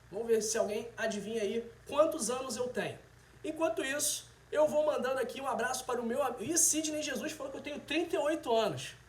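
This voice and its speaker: A man of about thirty with a Brazilian accent speaks in a very high, slightly mellow voice, chatting casually and directly to viewers as a livestream host presenting a health video. The recording sounds roomy and echoing, with a little hiss or hum.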